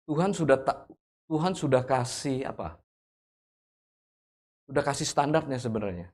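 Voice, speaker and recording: A man preaching a sermon in a casual, conversational way. He often calls the congregation "brothers and sisters" and asks them to say amen. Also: on the high side. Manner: acts out shouting examples for contrast. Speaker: pastor.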